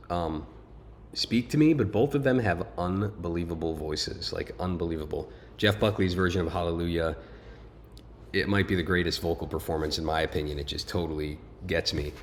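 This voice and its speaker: A man's voice: low voice, normal speed, a bit bright, slight background noise. A man hosting a casual video, reading a viewer's letter aloud and breaking off to comment in an informal, rambling way.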